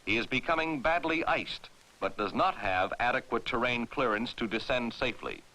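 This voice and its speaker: An American man narrates a 1960s military training film on a vintage soundtrack, formal and authoritative with crisp enunciation. His mid-range voice has a sharp tone and moves at normal speed. Recording quality is low.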